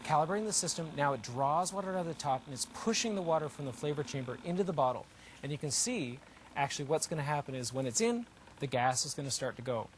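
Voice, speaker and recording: Demonstrating his invention live without a script, the man is animated and quick, his voice fairly high as he goes step by step and keeps hammering key points. A faint hiss or hum sits under the recording.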